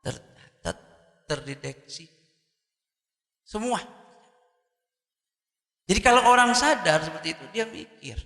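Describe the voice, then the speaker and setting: A man's voice: on the high side, sharp tone. A man preaching a sermon, asking rhetorical questions and chanting Arabic verses. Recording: echoey hall with long reverb.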